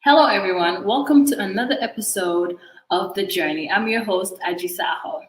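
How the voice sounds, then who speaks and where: A woman's voice: medium pitch, a little fast, roomy sound, poor audio. A woman hosting an interview show who greets her guest and asks questions in a friendly way, with some fillers. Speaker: host.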